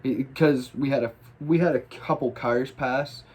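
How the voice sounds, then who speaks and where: A man's voice: mid-range voice, unhurried, breathy edge. Man swearing through a rambling story. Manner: profane, rambling, animated retelling. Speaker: graffiti storyteller. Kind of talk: casual storytelling.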